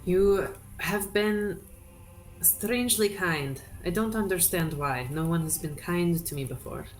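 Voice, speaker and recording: A woman voicing a wary, lonely outsider who is unused to kindness, speaking slowly and guardedly. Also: lowish voice, soft background music, lightly acted, low-quality recording.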